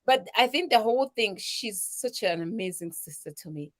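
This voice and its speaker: A middle-aged woman from Zambia with a Zambian accent, a charity founder telling her personal story in an emotional, animated way, acting out what people said. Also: medium pitch, normal speed.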